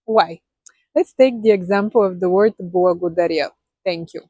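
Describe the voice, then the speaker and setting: A woman's voice: on the low side, normal speed, mellow, no echo, poor audio. Bulgarian-accented woman teacher, dry sound. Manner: earnest, repeats and rephrases, demonstrates sounds. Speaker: language teacher. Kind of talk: explanatory video lesson.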